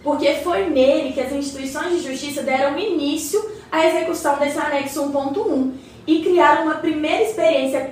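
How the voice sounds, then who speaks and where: With a natural, high-pitched voice, a Brazilian woman portrays an informed, encouraging neighbour in a casual radio drama. She patiently explains things and keeps a respectful tone toward her neighbour. The recording carries faint noise, a roomy echo, and a far-off mic.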